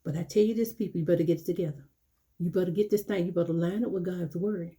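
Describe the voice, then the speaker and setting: A woman's voice: fairly low pitch, fairly even intonation, fast, dark tone. A woman preaching an informal sermon, scolding her listeners and repeatedly asking "you know what I'm saying". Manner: acts out quoted churchgoers in dialogue.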